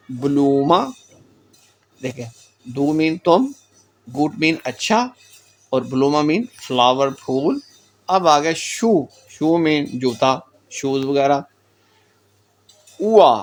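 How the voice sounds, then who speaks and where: A man with a Pakistani Urdu accent teaches German pronunciation in a recorded lecture. His voice sits somewhat high and his pace is unhurried. He works through examples patiently and drops English phrases into his explanations. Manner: explains patiently, often repeats "theek ho gaya", mixes in English phrases.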